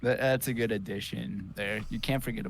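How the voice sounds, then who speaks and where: A man's voice: fairly low pitch, steady tone, moderate pace. A man co-hosting a sports podcast, talking casually and jokingly with lots of fillers. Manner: easygoing, joking, many fillers. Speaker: podcast co-host.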